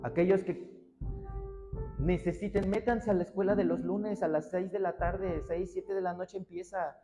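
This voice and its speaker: A man preaching a sermon as pastor in a church, impassioned and often shouting to the congregation. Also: high-pitched, fairly even intonation, normal speed, soft background music, poor audio. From Mexico. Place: church sanctuary.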